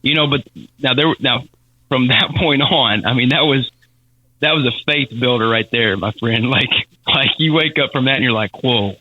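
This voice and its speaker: A man telling a personal faith testimony as a podcast guest, halting and repeating words as he speaks. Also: medium pitch, highs cut off. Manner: halting, repeats words, Southern-style casual phrasing.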